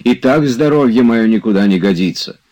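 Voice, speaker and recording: A man reading aloud as an idle, touchy gentleman, reproachful and easily upset, in a storybook. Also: medium pitch, fairly quick, pitched above the performer's own voice, natural voice. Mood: exasperated. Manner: exasperated, reproachful.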